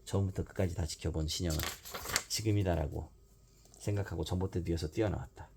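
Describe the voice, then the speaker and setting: A father reading a children's storybook aloud at bedtime, in a steady narrating voice. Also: low-pitched, fast, creaky, background noise.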